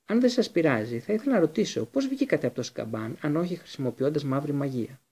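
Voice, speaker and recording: A man's voice: a little high, big pitch swings, a little mellow, husky. A man voicing a timid, polite young schoolgirl.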